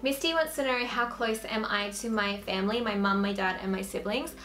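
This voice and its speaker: A woman's voice: medium pitch, a little fast, background noise. A woman in her twenties with an Australian accent, chatting casually to camera in a Q&A and filling her talk with "like". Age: 20s. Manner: chatty, filler-heavy with frequent "like". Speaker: YouTuber.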